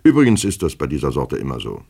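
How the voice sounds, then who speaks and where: A man's voice: rumbling low, wildly swooping pitch, quick pace, vocal fry, dark tone, husky, exaggerated voice. A man reading a fretful, fussy middle-aged clerk who speaks mildly and mutters to himself. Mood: fretful muttering. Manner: mild, coaxing, then muttering to himself.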